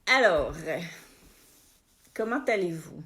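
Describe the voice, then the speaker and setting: A woman's voice: fairly low pitch, animated. A woman with a Québécois accent hosting a casual live stream from home, greeting viewers by name with frequent hesitations. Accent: Québécois French. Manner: unhurried, warm-hearted greetings with frequent euh fillers.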